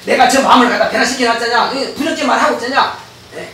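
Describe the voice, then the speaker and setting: A male pastor giving an animated sermon in a church. He laughs, acts out dialogues and bursts into shouts. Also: very high-pitched, racing, vocal fry. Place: church sanctuary. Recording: very echoey church hall, distant mic, faint noise.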